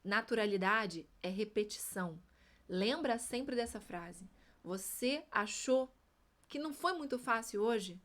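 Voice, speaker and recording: A woman teaching Spanish pronunciation. She models phrases slowly for repetition and encourages the learner. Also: mid-range voice, lively intonation, a bit bright. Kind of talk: pronunciation lesson.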